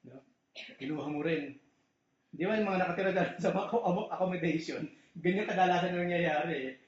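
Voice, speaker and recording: A man's voice: sits high, a little fast. A man preaching a casual, joking sermon in a church, often asking his listeners "di ba?". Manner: chatty, joking, asks "di ba?" often. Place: church hall. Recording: echoey, muffled church recording.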